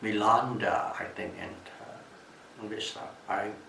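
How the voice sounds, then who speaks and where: Burmese accent guy giving a dhamma talk, really slow n halting, bit deep, echoey room w some hiss. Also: fairly even intonation, gravelly, sharp tone. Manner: deliberate, halting, repeats phrases for emphasis. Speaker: Buddhist meditation teacher. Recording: distant mic, echoey room, background hiss.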